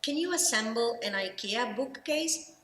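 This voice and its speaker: A woman interviewer asking brisk, direct questions. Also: fairly high pitch, lively intonation, sharp tone. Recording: echoey hall, faint background noise.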